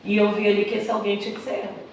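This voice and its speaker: Her mid-range voice fast, monotone, and a little mellow, this middle-aged Brazilian teacher chats as an interview guest and shares personal stories. The recording cuts off the highs, and a distant mic in an echoey room picks up background noise.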